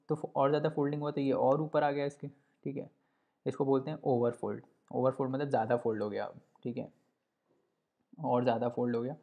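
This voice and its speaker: A man teaching a lesson in a relaxed, conversational way, often stopping to check that the listener follows. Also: mid-range voice, vocal fry. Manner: conversational, repeats "ठीक है" often, checks understanding. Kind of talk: explanatory lesson while drawing. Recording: dull lo-fi recording.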